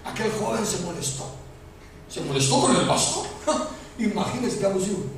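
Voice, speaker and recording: Male pastor, high-pitched, lively storytelling sermon, picked up from afar in a reverberant hall. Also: normal speed, a little hiss or hum. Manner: animated storytelling that builds to shouting. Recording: echoey hall recorded from far off.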